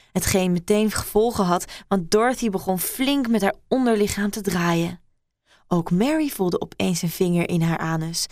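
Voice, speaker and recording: A woman narrating an adult story in a soft, hushed reading voice that often drops to a whisper. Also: medium pitch, no echo, studio quality.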